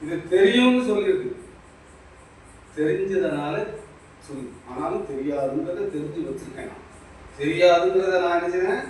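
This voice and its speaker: Guy preaching spirituality in a shop, kinda high voice, super echoey and far from the mic. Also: animated, moderate pace, pauses often, darkish tone. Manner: preachy, repetitive, addresses listener directly. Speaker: spiritual teacher. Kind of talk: impromptu spiritual talk. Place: small shop. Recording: very echoey, distant mic, faint noise.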